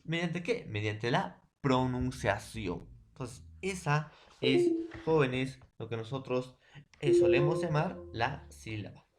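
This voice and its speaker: Man, schoolteacher, recorded class lecture, mid-pitched, repetitive, lots of filler tags. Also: slow, a little hiss or hum. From Peru. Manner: repetitive, fills every phrase with tag questions and addresses. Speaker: secondary school language teacher.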